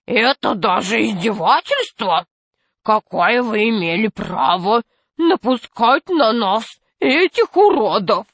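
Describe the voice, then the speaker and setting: A woman's voice: a little high, expressive, slow, fairly bright tone, slightly rough, dry recording, heavily acted. A woman voicing a plump adult male stowaway who whines and complains indignantly. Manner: indignant, whining.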